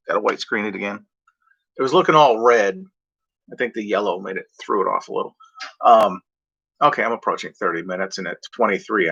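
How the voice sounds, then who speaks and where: A man's voice: medium pitch, sharp tone. A man rambling casually and off script in a vlog, meandering between stories and swearing freely. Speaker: vlogger. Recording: dull lo-fi recording.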